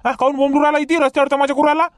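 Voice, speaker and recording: A man's voice: very high voice, level tone, rapid-fire, no room sound, clean studio sound. A man with a Vidarbha Marathi accent playing a confused, protesting village man in a rustic comedy sketch.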